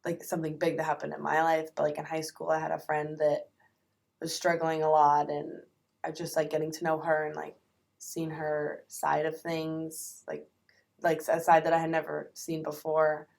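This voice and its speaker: A young woman, a college student-athlete, talking as a podcast guest in halting speech full of fillers. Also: low voice, completely flat delivery, vocal fry, a little mellow. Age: young adult. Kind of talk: casual podcast chat.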